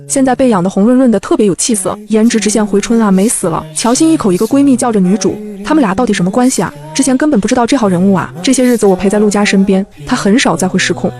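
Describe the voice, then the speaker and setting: A woman narrates a comedic web novel in a lively, playful storytelling manner. Her delivery is rapid and her voice sits a little high, bright and quick. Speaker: audiobook narrator.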